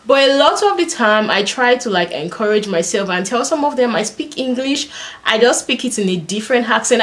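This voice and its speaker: Filming in a small bedroom, this young woman vlogs in a Nigerian accent with a slightly high voice. Her manner is lively and chatty, full of "like" and "and stuff."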